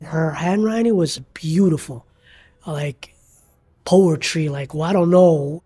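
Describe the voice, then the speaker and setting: A man's voice: on the high side, slow, dark tone, breathy edge, dry recording. A man who works as a hotel bellhop, talking in an interview and reminiscing in a heartfelt way.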